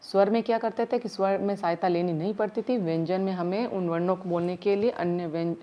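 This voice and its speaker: A woman teaching primary school grammar in a slow, step-by-step way, asking her class questions as she goes, with words her speech. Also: mid-range voice, steady tone, dull audio. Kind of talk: recorded grammar lesson.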